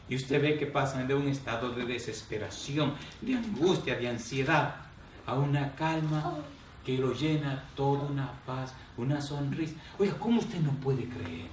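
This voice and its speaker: A man's voice: mid-range voice, reverberant, far from the mic, slight background noise, poor audio. A man preaching a sermon as pastor, questioning the congregation and answering himself. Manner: call-and-response questions, drops to a hushed voice in the story.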